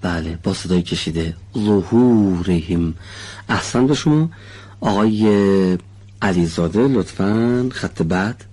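With a low, slightly mellow voice and lively intonation, a man leads a studio lesson on pronouncing letters correctly for Quran recitation. His pace is slow and deliberate as he carefully demonstrates sounds. He encourages his students politely.

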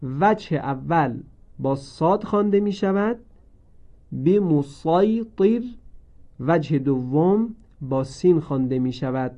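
A man with a fairly high, mellow voice teaches Quran reading in a recorded lesson. He talks slowly and deliberately and stretches out each word he recites. The recording sounds dull and lo-fi. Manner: slow, deliberate, repeats each word with drawn-out recited forms.

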